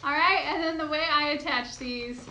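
A woman's voice: sits high, moderate pace. A young woman teaching balloon twisting step by step, bubbly and giggly, gushing over how cute each piece looks. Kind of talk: step-by-step tutorial. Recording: echoey room with audible noise.

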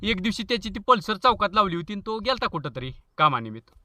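A man's voice: sits high, very animated, fast talker, sharp tone, dry recording. A man from Maharashtra telling comic stories as a channel host, chatty and joking. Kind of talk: comic storytelling.

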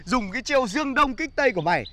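An actor playing an excitable single male student in a comedy short, bantering fast with exclamations. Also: very high-pitched, noisy background. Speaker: university student. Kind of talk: comedic short-film acting.

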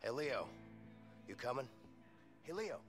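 An actor playing an adult male escapee in a video game, briskly calling his partner over. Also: mid-range voice, big pitch swings, a bit bright, faint music behind. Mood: urging. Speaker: game character.

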